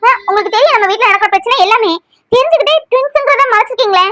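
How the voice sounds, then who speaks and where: A woman voicing a sharp-tongued, scolding adult sister-in-law in a cartoon serial. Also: very fast, background noise. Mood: accusing. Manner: scolding, shrill and accusing.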